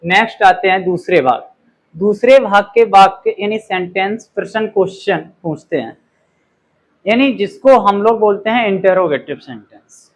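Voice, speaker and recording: A man teaching a grammar lesson, explaining slowly, reading example sentences very clearly and checking in with an "okay" after each point. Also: sits high, poor audio.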